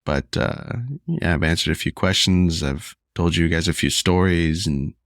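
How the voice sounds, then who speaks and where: A man's voice: low voice, steady tone, a little slow, dry recording, studio quality. A man hosting a solo podcast, talking in an earnest, confessional way while losing his voice and feeling unwell. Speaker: podcast host.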